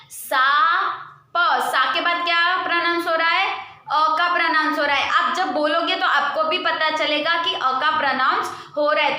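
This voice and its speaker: Patient, slow-spoken woman teaching young children. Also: sits high, sharp tone, very echoey. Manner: slow, patient, drawn-out word repetition; asks questions and answers them herself. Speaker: primary school Hindi teacher. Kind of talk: online lesson for young children.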